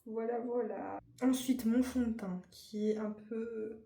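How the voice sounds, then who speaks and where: A woman's voice: on the high side, steady tone, slow pace, creaky, mellow. A young French woman with a French accent, chatting casually and informally in a vlog, full of fillers and restarts. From France. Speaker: vlogger. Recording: echoey room with faint noise.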